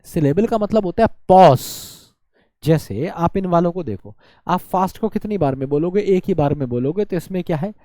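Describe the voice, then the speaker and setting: Guy teaching grammar in hindi, high mellow voice, dry close sound, keeps quizzing himself. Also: dry recording. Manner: explains by asking and answering his own questions; drawls words out to show syllables. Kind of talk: exam-prep grammar lesson.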